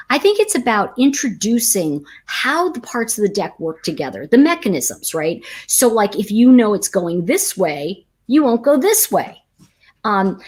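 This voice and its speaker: On a relaxed storytelling livestream, an American tarot teacher hosts a chat in a mid-range voice that's a little mellow and slightly rough. Her storytelling wanders, chatty and full of restarts.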